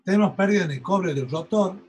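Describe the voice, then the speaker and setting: A male university lecturer teaches an engineering class. His voice sits high for a man and has a husky edge. He explains step by step and often pauses to check that the students are following. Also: a little mellow, low-quality recording. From Argentina.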